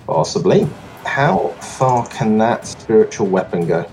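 A man narrating as game master, relaxed and unhurried, with fillers. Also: on the low side, faint music behind, rough recording.

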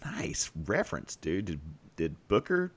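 A male podcast host with an Oklahoma accent and a slightly low voice. His intonation swings widely as he chats casually, rambling and joking along the way. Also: huge pitch swings, a little slow.

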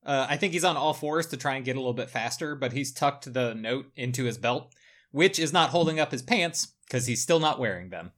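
A man's voice: mid-range voice, expressive, fairly quick, a bit bright. A man playing a tabletop game, describing his character in a playful, joking way. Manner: playful, jokey. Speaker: player.

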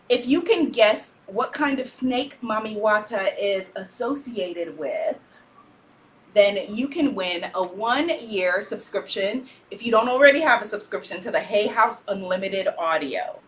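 A loud, exuberant woman hosting a live stream as an author, reading out viewer comments and cheering often. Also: fairly high pitch. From Guyanese-Caribbean family. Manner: frequent laughter, cheering chants.

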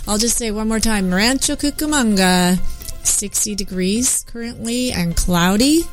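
A woman's voice: medium pitch, a little slow, faint music behind. A woman co-hosting a radio show, reading weather casually and adding chatty little asides. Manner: chatty, adds small asides.

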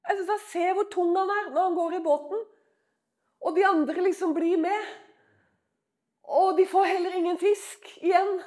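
A woman preaching a sermon in church in an emotional, conversational way, swinging from loud outbursts to hushed near-whispers and often asking the listeners to agree. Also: extremely high pitch, steady tone, long pauses.

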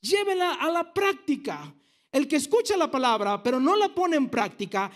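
A man preaching a sermon as pastor, asking the congregation questions and teasing them with jokes. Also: very high-pitched.

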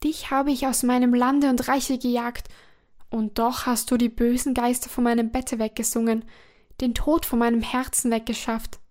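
A woman voicing a dying old emperor who cries out in fear and pleads loudly. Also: a little high, level tone, normal speed, close to an everyday voice. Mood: grateful. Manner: crying out loudly and desperately.

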